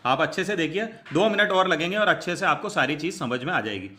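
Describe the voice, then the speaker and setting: Tutorial host, male, bright forceful voice, slightly high, patient click-by-click instructions. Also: lively intonation, fast. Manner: step-by-step instructions, addresses viewers as friends. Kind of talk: screen tutorial walkthrough.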